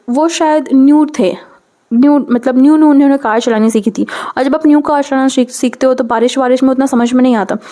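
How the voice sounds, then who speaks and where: Young woman vlogger, high voice, casual storytime delivery, animated and chatty, keeps the story moving with quick asides. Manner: chatty, mixes in English phrases, keeps saying "okay"; animated, with sudden pitch jumps.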